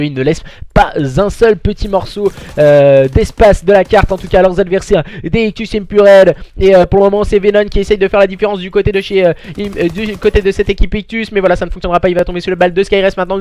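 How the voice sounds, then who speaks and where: Higher-pitched man, excitable esports announcer. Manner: excitable play-by-play announcing like a fighting game announcer. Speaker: esports caster and streamer. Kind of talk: live esports match commentary.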